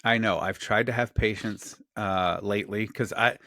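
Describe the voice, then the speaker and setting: A man co-hosting a podcast who cracks quick, profane jokes in casual chat. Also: on the low side, steady tone, bright, forceful tone, no echo, studio quality. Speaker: podcast co-host.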